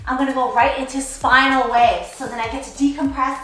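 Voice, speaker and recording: High female voice, fitness coach, casual workout demo, playful gym-bro talk, heavily echoing room, music behind. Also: level tone, fairly quick, fairly bright tone. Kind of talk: casual workout demonstration to camera. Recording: very echoey room, background music.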